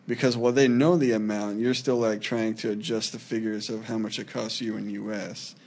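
A man's voice: on the low side, little pitch movement, a little fast, darkish tone. A young man chatting casually on a travel vlog, dry and joking, often cutting in. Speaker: travel vlogger. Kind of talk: casual chat.

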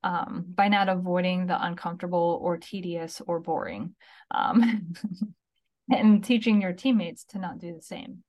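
A woman's voice: lowish voice, fairly even intonation, measured pace, darkish tone. A woman in her thirties co-hosting a talk podcast, giving casual advice in a chatty way, often checking in with "okay?" and "right?". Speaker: podcast co-host.

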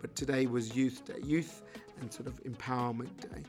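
A man's voice: mid-range voice, fairly even intonation, moderate pace, a little mellow, faint music behind. A man hosting a podcast, talking in a chatty, wry way and interviewing people. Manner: chatty, wry, self-deprecating. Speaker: podcast host. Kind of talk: casual podcast narration and interviewing.

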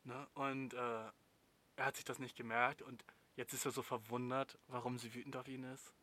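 Ein junger Mann mit deutschem Akzent, der locker und in Jugendslang Zuschauerfragen beantwortet, direkt und spöttisch. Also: male voice, mid-range voice, little pitch movement, moderate pace, sharp tone. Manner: blunt, slangy, mocking. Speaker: advice streamer reading viewer messages. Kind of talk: casual slangy chat.

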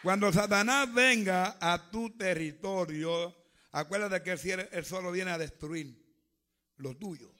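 A man preaching a fervent sermon, swinging from hushed to loud. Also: high-pitched, measured pace, some chatter behind.

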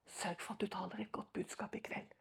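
A woman voicing a nervous male church leader in a whispered role-play, hushed and wheedling. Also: fairly low pitch, steady tone, breathy edge, pitched below the performer's own voice.

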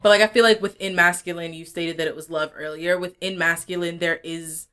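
Low, bright-toned woman podcaster. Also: fairly even intonation, brisk, clear, resonant tone. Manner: reflective, thinking aloud. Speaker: podcast co-host. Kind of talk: casual chat.

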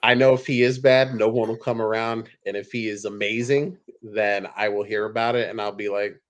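A man's voice: on the low side, flat delivery, moderate pace. A man hosting a casual fantasy football podcast, laid-back and joking, often chuckling as he talks. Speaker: podcast host.

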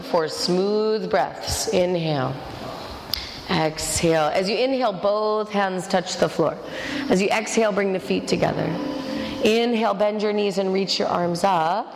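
A woman teaching a yoga class, giving directive step-by-step cues and counting breaths. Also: on the low side. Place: large echoey indoor studio with a class. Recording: echoey hall with music behind. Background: music.

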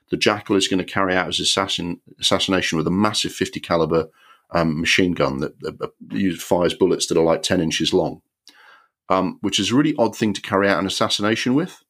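Low-voiced man ranting about films. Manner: animated, exasperated ranting with many fillers and swearing. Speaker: film podcast host. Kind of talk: casual film review.

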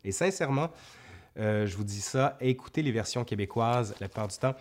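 A man's voice: mid-range voice, animated, brisk, a little hiss or hum. A man with a Quebec French accent hosting a casual question-and-answer session, reading questions aloud and answering off the cuff in a conversational way. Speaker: history video host.

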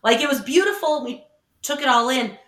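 A woman's voice: sits high, moderate pace. A middle-aged woman chatting casually as a podcast co-host, telling stories and laughing often. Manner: animated storyteller, laughs often, acts out quotes. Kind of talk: casual chat. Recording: roomy echo.

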